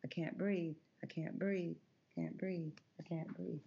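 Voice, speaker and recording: A woman poet giving a rhythmic, deliberate spoken-word performance as a podcast guest. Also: fairly low pitch, fairly even intonation, gravelly, background noise. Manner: rhythmic, deliberate, incantatory delivery. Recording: dull lo-fi sound.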